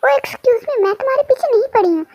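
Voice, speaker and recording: A woman's voice: extremely high pitch, lively intonation, very fast, no room sound, muffled recording, voice pushed up. A woman playing a feisty young woman spoiling for a fight. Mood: defiant. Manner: threatening, indignant.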